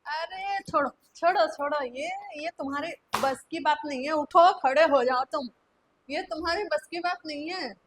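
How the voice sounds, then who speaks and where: A woman's voice: high voice, normal speed, natural voice, low-quality recording. A woman acting a strict female schoolteacher in a staged classroom skit, nagging and repeating herself as she keeps demanding answers. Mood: scolding.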